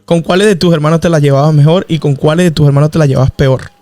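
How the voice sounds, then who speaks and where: Podcast host, higher-pitched and chatty, prods his guest with fillers; dry mic, soft music. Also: fairly even intonation, fast talker, no echo. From Venezuela. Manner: friendly, prodding questions with many fillers. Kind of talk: casual podcast interview.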